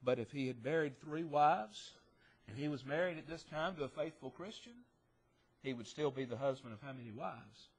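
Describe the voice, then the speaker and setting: In a church sermon, a man with a mid-range, slightly rough voice speaks at a normal speed. He booms certain phrases, drops into quiet asides, and poses rhetorical questions that he then answers himself.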